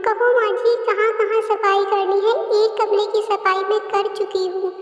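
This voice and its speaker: Cartoon: woman doing a dutiful young village bride, sweet and eager, very high voice. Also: level tone, normal speed, roomy sound, big-room sound, distant mic, muffled recording.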